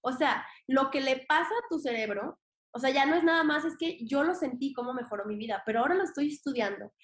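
A young woman with a Mexican accent speaks high and bright, talking casually as a podcast guest. She is expressive and slangy and slips into little voices for her own thoughts. The room around her rings with noticeable echo. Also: quick pace. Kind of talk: casual conversation. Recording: echoey room.

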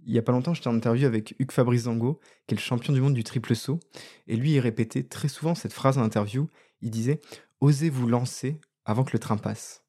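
Male podcast host, mellow tone, mid-range pitch, reflective and conversational, lots of rhetorical questions. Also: fairly even intonation, fast, breathy edge. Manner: thoughtful, asks many rhetorical questions; conversational, addresses listeners directly.

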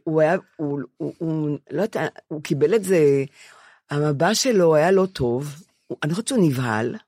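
In a clean, echo-free studio recording, a podcast co-host in her seventies has a candid conversation. Her low, husky, dark voice carries lively intonation, though she frequently halts, restarts, and repeats words.

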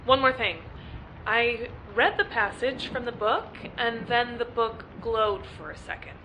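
Brisk matter-of-fact young friend, played by a woman, higher crisp voice, faint hiss. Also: muffled recording, close to an everyday voice.

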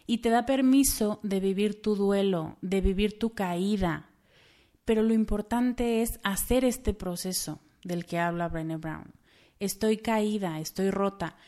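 A woman's voice: medium pitch, a little mellow. A woman with a Mexican accent hosting a solo podcast, speaking earnestly and directly to the listener. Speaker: podcast host.

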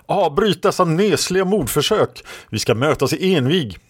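A man's voice: on the high side, big pitch swings, no echo, voice pushed up. A man voicing a proud, commanding noblewoman warrior in an audiobook story.

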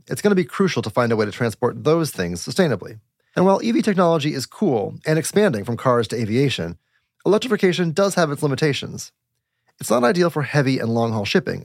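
Man, podcast host, quick pace, animated pitch, dry close sound. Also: no echo. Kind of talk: podcast interview.

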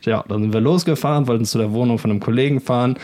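A man telling a story on a podcast at a quick clip. His voice sits at a middle pitch. He talks in casual slang and acts out the voices of the people in his story. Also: dark tone. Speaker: podcast co-host.

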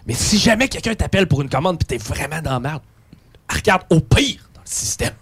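A man's voice: a little high, brisk, slightly rough, no echo. A man with a Québécois accent telling a comic story among friends, ranting, swearing freely and acting out both sides of the conversation. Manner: animated ranting, heavy swearing, acts out both sides of a dialogue.

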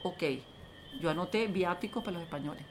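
An older woman with a Venezuelan accent, telling stories as a guest in an interview, lively and acting out the voices of others. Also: on the low side, a little fast, a little hiss or hum. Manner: lively, acts out quoted voices, talks to the host by name. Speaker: interview guest, film producer. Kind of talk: animated storytelling interview.

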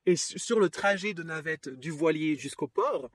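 A woman hosting a podcast, telling a personal story in a casual, lively way with frequent laughs and fillers. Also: low-pitched, moderate pace, a little hiss or hum. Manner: lively, chatty, laughs often, trails off with fillers. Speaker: podcast host.

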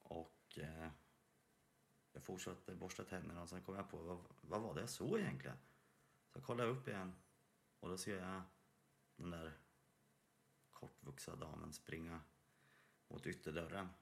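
Deep, gravelly man in casual chat. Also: long pauses. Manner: hesitant, with fillers and restarts. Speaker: podcast co-host. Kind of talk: casual chat, telling a ghost story.

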